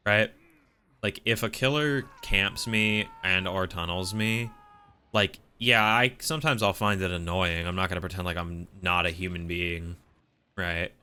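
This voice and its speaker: A man's voice: deep voice, pushed and bright, smooth. A man giving casual, rambling gaming commentary in a grumbling, opinionated, complaining way with frequent swearing. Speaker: gaming video creator. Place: voice-over on gameplay footage.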